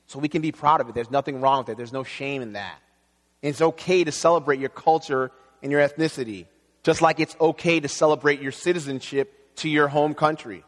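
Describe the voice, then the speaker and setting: A man born in Haiti, preaching an earnest, measured sermon as pastor. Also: a little high, steady tone. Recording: long reverb in a hall.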